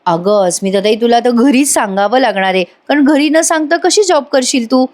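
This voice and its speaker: A cheerful young man from a TV serial jokes with and cheers on his friend, voiced by a woman recapping the show. The voice stays fairly high. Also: expressive, moderate pace, darkish tone, close to an everyday voice.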